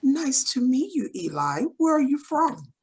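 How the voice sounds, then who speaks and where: Give me a woman from the US tutoring English over a video call, animated and a bit breathy. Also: sits high, a little slow. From United States. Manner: encouraging, asks simple questions, frequent mm-hmms. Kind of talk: video call conversation lesson.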